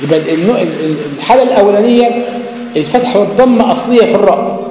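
A man's voice: high voice, animated, rapid-fire, dark tone. A man with an Egyptian accent, a sheikh giving a spoken lecture on recitation rules, explaining step by step and asking and answering his own questions. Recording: echoey hall with faint noise.

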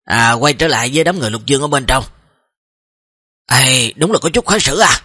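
A man's voice: mid-range voice, animated, brisk, sharp tone, husky, dry recording, studio quality. A man narrating an audio story, with chatty asides to his listeners.

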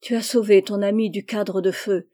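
A woman's voice: medium pitch, fairly even intonation, normal speed, mellow, close to an everyday voice. A woman reading the part of a naive, impulsive young Native girl, speaking in an eager, childlike way. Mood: artless.

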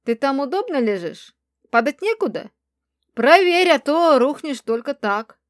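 A woman reading an audiobook voices a lively young female mage friend who talks high, loud and teasing. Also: measured pace, no echo, studio quality.

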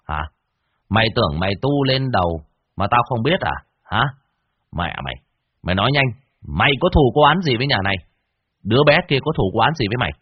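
A cold, threatening young exorcist voiced by a male narrator barks questions in a low, husky voice. The recording is dry and dull, with no room sound. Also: very animated, fairly quick, long pauses, dry recording, exaggerated voice. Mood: harsh scolding. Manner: harsh, scolding, threatening.

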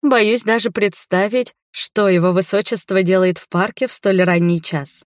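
A woman's voice: mid-range voice, steady tone, moderate pace, dry recording, studio quality. A woman reading a first-person novel aloud, narrating and voicing the characters in dialogue. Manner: voices several characters in dialogue. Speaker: audiobook narrator.

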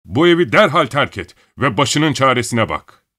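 A man voicing a furious, bullying middle-aged father who shouts at his family. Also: mid-range voice, sing-song, normal speed, dry recording, clean studio sound, pitched above the performer's own voice. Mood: raging. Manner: shouting, raging.

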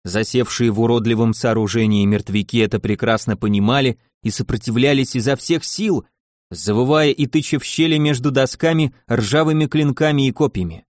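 A man narrating an audiobook with a lively, dramatic storytelling manner. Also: medium pitch, brisk, no echo, clean studio sound. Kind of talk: expressive audiobook reading.

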